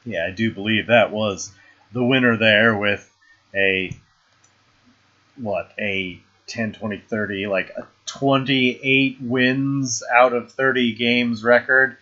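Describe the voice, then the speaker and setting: Slow-talking male game streamer. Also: mid-range voice, steady tone, pushed and bright. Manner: hesitant, full of fillers and restarts. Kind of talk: casual live-stream chat. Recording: dull lo-fi stream audio.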